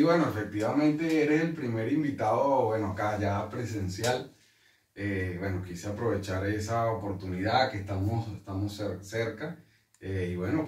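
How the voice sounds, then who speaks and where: A man's voice: fairly low pitch, darkish tone. Man hosting an interview in an echoey room. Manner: friendly, hesitant with many fillers. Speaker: interview host. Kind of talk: casual interview. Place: room in Santiago, Chile. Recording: echoey room, mic at a distance.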